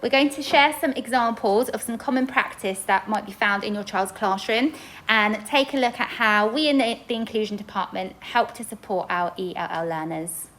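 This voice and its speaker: A young Polish woman, a native Polish speaker and inclusion teacher, speaks at normal speed in a fairly bright, mid-range voice, with a little hiss or hum in the recording. In a podcast-style school presentation, she earnestly explains language learning to parents, occasionally restarting.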